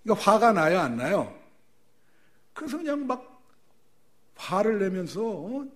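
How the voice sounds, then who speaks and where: A male pastor preaching a sermon, telling stories with lively rhetorical questions to the congregation. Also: sits high, a little slow.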